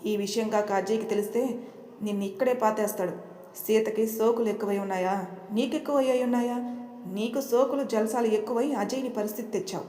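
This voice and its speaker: A woman's voice: a little high, steady tone, brisk, dark tone, lightly acted. A woman voicing a stern, protective older brother who scolds and consoles in a Telugu audio story. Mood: angry. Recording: roomy echo.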